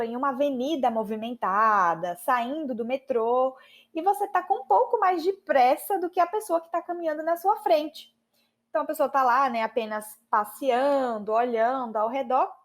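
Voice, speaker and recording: Brazilian lady teaching english on her podcast, high voice, chatty, slows down to repeat phrases. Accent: Brazilian Portuguese. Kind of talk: podcast language lesson.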